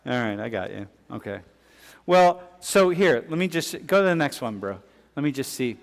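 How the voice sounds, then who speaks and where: A man's voice: mid-range voice, sing-song, moderate pace, creaky. A male professor lecturing a class in a casual, conversational way, full of fillers and restarts. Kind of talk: classroom lecture with student questions. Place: large lecture hall. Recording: long hall reverb.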